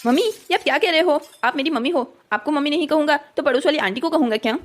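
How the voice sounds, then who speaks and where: A woman's voice: sits high, expressive, fast talker. A woman voicing an upset teenage son in a cartoon story, urgent and pleading.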